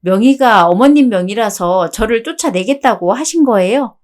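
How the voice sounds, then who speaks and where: A woman narrating her own story in a calm, matter-of-fact way, as the wife in a radio drama. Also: a little high, moderate pace.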